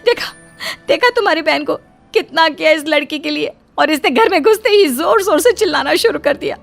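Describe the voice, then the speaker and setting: Brief: a woman voicing a shrill, mocking young wife in a cartoon story; very high, faint music behind. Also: very animated, slow pace, full character voice. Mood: fake crying. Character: scheming young daughter-in-law, loud, fake tears.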